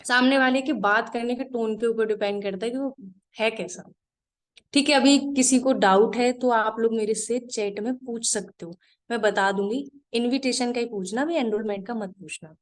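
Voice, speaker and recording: A woman with a fairly high voice leads a live online class as the trainer. She talks in a direct, practical way and goes over her points one by one, repeating them slowly for students taking notes.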